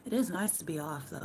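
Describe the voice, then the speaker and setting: A hoarse woman with a worn-out voice chatting casually to her live-stream viewers from home, rambling loosely and swearing now and then. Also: medium pitch, pushed and bright, slight background noise.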